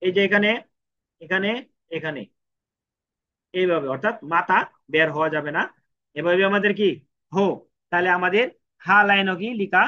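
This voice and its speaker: A man's voice: high voice, sharp tone. A man teaching how to write Japanese characters, repeating each stroke step by step. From Bangladesh. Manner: repetitive, counts out each stroke. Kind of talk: step-by-step writing lesson. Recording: dull lo-fi recording.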